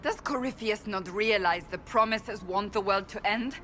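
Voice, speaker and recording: A woman's voice: mid-range voice, moderate pace, a bit bright, slight background noise, close to an everyday voice. An actress playing a devout, proud woman warrior who speaks firmly and formally. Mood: resolute. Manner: firm, formal, resolute. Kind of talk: video game voice acting.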